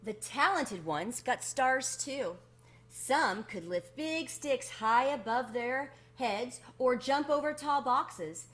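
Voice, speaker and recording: With a voice that sits high, this storyteller reads a children's picture book aloud. She is expressive and deliberate, stretching out words for emphasis.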